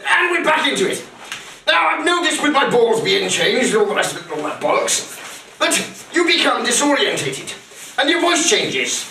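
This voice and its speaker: High voiced guy, crude rambling comedy bit, echoey noisy room. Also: sing-song, moderate pace, gravelly, sharp tone, far from the mic. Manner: rambling, swearing, mock-instructional. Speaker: comic performer.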